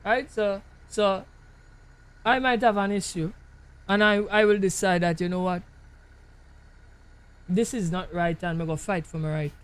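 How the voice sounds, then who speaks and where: A man's voice: high voice, fairly even intonation, measured pace, long pauses, clean tone. A man with a Jamaican accent, hosting a gaming channel, rambling casually over gameplay and keeping checking in with the listener. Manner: musing, keeps checking in with the listener. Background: truck driving game sounds.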